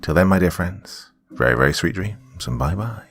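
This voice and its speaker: Over soft background music, a deep-voiced man with vocal fry and a fairly bright tone narrates horror stories and hosts. Expressive and at a moderate pace, he tells a dramatic first-person story as a storyteller and closes with a casual sign-off.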